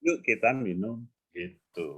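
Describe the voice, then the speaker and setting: A man teaching English grammar in a casual online lesson, explaining patiently and repeating examples slowly over a video call. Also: on the low side, slightly rough. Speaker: English coach.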